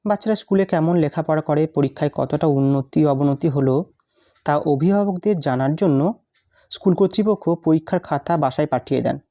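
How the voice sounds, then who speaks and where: Low, mellow woman reciting a story. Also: normal speed, dry recording. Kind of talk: recited first-person story.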